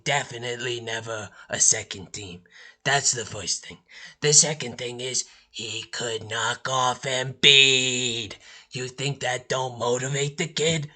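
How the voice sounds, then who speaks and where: A man's voice: medium pitch, pushed and bright. A man voicing a blustery middle-aged uncle, lecturing about basketball in a voicemail, folksy and preachy, repeating "all right?" and "look". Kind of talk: phone voicemail comedy rant.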